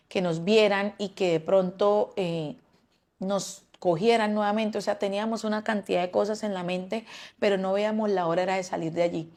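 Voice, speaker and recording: A woman giving a personal testimony, often stopping and repeating words as she recounts events. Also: medium pitch.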